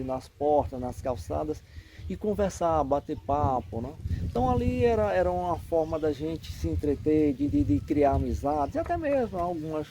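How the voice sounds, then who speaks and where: A fairly high-pitched man in his sixties, a professor and storyteller from the northeastern Brazilian backlands, recalls local life for an interview, explaining and regularly using tag questions in his regional accent. There's noise in the background.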